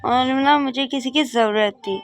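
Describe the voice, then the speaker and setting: A woman's voice: fairly high pitch, measured pace, faint music behind, lightly acted. A woman voicing a young maid who pretends to be a neighbor and coaxes a little princess in a doll game. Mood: confiding. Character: young woman maid posing as neighbor, scheming but kind.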